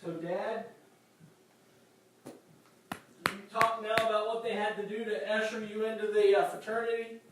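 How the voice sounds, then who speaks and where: Man, high voice, teasing son, very echoey and far from the mic. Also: level tone, measured pace, long pauses, noisy background. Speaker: interviewer, son. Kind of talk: casual chat.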